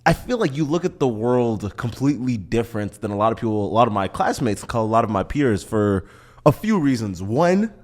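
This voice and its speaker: A man's voice: medium pitch, fairly quick. A young man hosting a podcast interview, chatting casually with lots of filler words. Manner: relaxed, talks with lots of likes and fillers. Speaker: podcast host.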